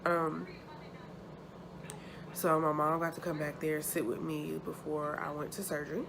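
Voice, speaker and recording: Woman, deep creaky voice, sore post-surgery, casual halting update, noisy hospital room. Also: little pitch movement. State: sore and uncomfortable after surgery. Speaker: vlogger. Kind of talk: casual chat, personal update to camera. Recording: noticeable background noise.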